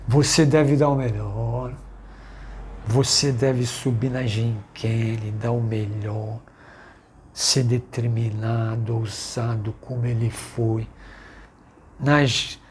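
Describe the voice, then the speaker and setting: Guy doing a devotional talk, heartfelt, goes soft and hushed, bit of faint background noise. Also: mid-range voice. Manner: heartfelt, slow, drops to soft hushed words. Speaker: devotional channel host. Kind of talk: emotional devotional reflection.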